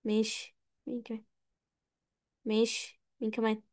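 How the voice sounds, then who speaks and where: A woman's voice: fairly high pitch, completely flat delivery, normal speed, a little mellow. A woman with an Egyptian Arabic accent teaching an online English class, patiently explaining and asking students questions, with English words mixed into her talk.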